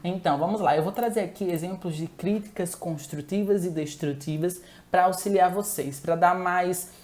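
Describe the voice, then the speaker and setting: A woman's voice: fairly low pitch, normal speed, darkish tone. A woman giving a chatty live-streamed talk on relationships, asking viewers to answer and often correcting herself mid-sentence.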